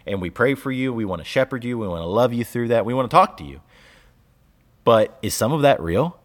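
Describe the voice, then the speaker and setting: A young man with a Southern US drawl co-hosts a relaxed faith conversation. He talks with animated energy, laughs easily, and often restarts his phrases. His voice sits at a middle pitch. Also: fairly quick. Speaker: podcast co-host, church leader. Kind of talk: casual faith discussion, reading scripture aloud.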